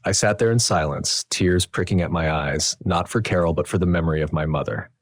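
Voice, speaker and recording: Deep husky male story narrator. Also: brisk, dry recording, studio quality. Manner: steady, dramatic storytelling. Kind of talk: scripted narration.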